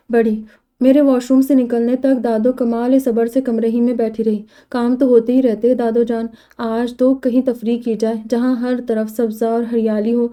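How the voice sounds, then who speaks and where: A woman reads a comedy novel aloud in first person, in a lively storytelling manner. Her voice is very dark and mellow, set a little high. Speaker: novel reader. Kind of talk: scripted audiobook narration of a comedy novel.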